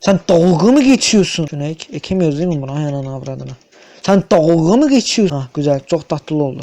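A man's voice: fairly high pitch, warm tone. A young man giving casual, chatty commentary over his own gameplay, swearing, stammering and humming to himself. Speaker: gaming youtuber.

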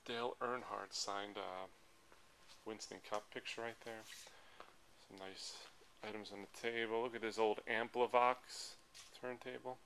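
An American auction presenter gives a casual, off-the-cuff walk-through of a large indoor auction hall full of tables, listing items one by one in a rambling way as he walks. He films on a handheld camera held from behind it, and the audio picks up clear background noise. His voice is fairly low and a bit bright, with fairly even intonation and a slightly slow pace.

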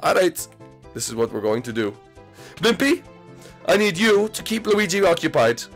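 A performer voicing Mario, an eager, bossy male plumber hero and big brother who gets excitable and loud. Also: medium pitch, normal speed, faint music behind. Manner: excitable and bossy, shouting "woohoo". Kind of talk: comedic puppet-style skit acting.

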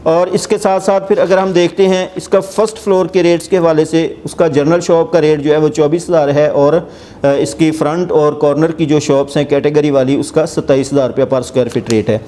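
A man in his forties with a Pakistani Urdu accent hosts a property channel from an office, explaining a project's rates to camera with frequent pauses. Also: on the high side. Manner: hesitant, many filler sounds, steady explanatory tone; seated, gesturing with hands while reading notes. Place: indoor office with armchair. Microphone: lapel mic.

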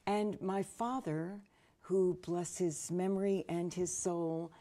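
Measured older woman with a mellow voice. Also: on the low side, fairly even intonation. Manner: measured, slows for emphasis, builds lists. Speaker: minister and guest. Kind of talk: reflective interview answers. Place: dark studio set, seated.

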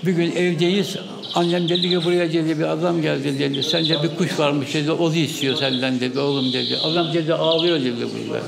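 A man with a gravelly, somewhat high voice tells an old anecdote, piling on reported speech. Crowd chatter fills the space around him. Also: fairly even intonation, quick pace. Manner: anecdotal, repeats "he said" often. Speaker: bird keeper. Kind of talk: storytelling in interview.

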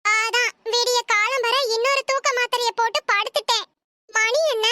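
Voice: very high-pitched, fairly even intonation, moderate pace, sharp tone, dry recording, studio quality. A woman voicing a bossy older mother-in-law in a comic cartoon, who grumbles and gives orders.

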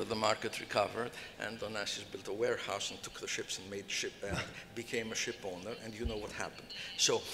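Talking into a table mic in a big, reverberant hall with some faint noise, an older panelist rambles, stopping and restarting with lots of fillers. His mid-range voice sounds pushed and bright.

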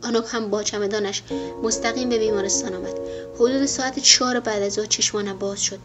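A woman reading a first-person memoir as an audiobook narrator, in a measured, even way. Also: medium pitch, over loud music. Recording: dull lo-fi audio with faint hiss.

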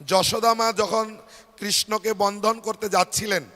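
A male preacher with a Bengali accent delivers a devotional sermon in a large hall at a devotional fair, his high, steady voice bright and forceful at a moderate pace. He poses rhetorical questions and has the crowd repeat phrases after him, with long hall reverb on the recording.

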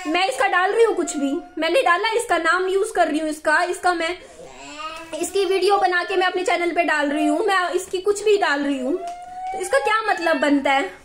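Very high-pitched woman in a heated rant. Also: lively intonation, moderate pace, fairly bright tone. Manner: heated, defensive and repetitive, near tears at times. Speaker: vlogger. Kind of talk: emotional vlog rant.

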